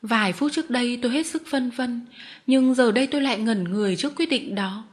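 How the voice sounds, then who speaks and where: A woman narrating a novel in a steady, measured audiobook reading. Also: on the high side. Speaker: audiobook reader. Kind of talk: storybook narration.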